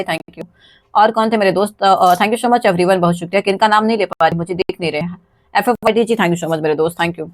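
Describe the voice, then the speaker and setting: A woman's voice: medium pitch, no room sound, clean studio sound. A woman hosting a live quiz lesson, chatty and thanking viewers by name, speaking English with an Indian accent and sounding a little tired. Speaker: quiz host on a live stream. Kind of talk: casual live-stream quiz teaching.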